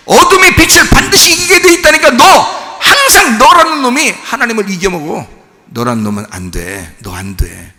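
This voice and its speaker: A man's voice: high-pitched, long reverb tail, exaggerated voice. A man voicing a scornful male devil who bullies and taunts people. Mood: sneering. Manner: jeering, shouted taunts.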